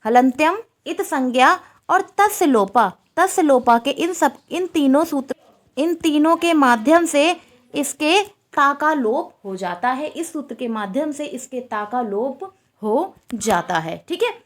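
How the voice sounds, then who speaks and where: A woman's voice: sits high, animated, a little slow. A woman teaching a Sanskrit exam-prep lecture, asking questions and repeating the answers.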